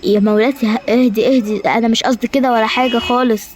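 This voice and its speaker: A woman's voice: on the high side, steady tone, fast talker, a little mellow, close to an everyday voice. A woman with an Egyptian Arabic accent voicing a male palace servant who stammers through defensive protests. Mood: placating.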